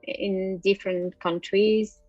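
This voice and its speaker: French-accented woman, thoughtful and unhurried. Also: mid-range voice, flat delivery, no echo, dull audio. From France. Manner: thoughtful, pauses with fillers. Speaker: photographer guest. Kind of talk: casual interview over a call.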